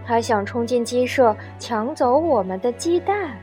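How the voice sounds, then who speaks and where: Brief: a woman playing a steady, sensible mother hen in a storybook. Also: on the high side, unhurried, soft background music. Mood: explaining. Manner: calm and reassuring, firm.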